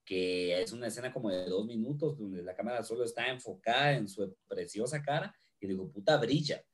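A man's voice: on the low side, fairly quick. A man from Guatemala, co-hosting a podcast in joking, crude casual chat. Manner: joking, crude, swears freely. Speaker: podcast co-host.

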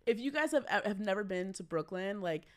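A woman's voice: medium pitch, lively intonation, brisk. A woman hosting a podcast, chatting casually in an effusive, gushing manner. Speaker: podcast host. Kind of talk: casual chat.

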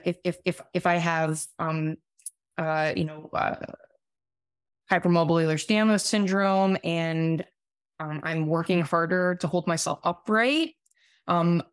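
A guest physician in her thirties, with a slightly raspy, low-leaning voice, talks through ideas in a casual podcast conversation. She circles back as she explains, using fillers and restarts. The recording is close and dry, with no room sound.

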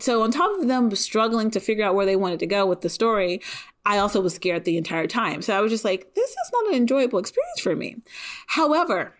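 A woman talks through her opinions in a loose solo podcast, lively and chatty. Her voice sits a little low for a woman. She often stops and restarts her sentences. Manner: animated and chatty, with many restarts. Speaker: podcast host reviewing dramas. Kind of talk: casual solo podcast talk.

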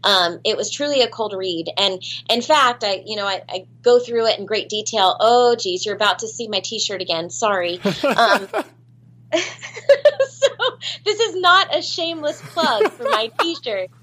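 This voice actress guest speaks high and animated at a measured pace, her tone a bit bright. Chatting through the interview, she pokes fun at herself and keeps stumbling into fillers and restarts.

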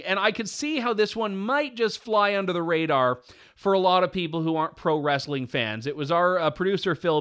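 Bright-voiced wry man commentating. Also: sits high, smooth. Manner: wry, amused, sarcastic. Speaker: co-host. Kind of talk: opinionated news commentary.

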